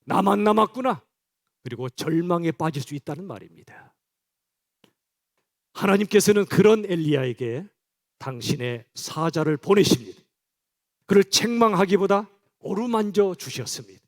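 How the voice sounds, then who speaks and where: A man's voice: fairly high pitch, lively intonation, normal speed, long pauses, a little mellow. A male pastor preaching a sermon in church, speaking directly and conversationally to his congregation.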